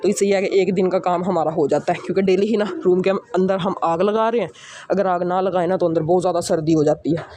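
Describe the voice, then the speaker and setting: On his rooftop outdoors, a man from Pakistan vlogs casually while tending his birds, a handheld camera in one hand. Speaking fast in a high, fairly even, slightly mellow voice with a Pakistani Urdu accent, he's winded after the stairs, chatters on with repeated fillers, and handles birds as he talks.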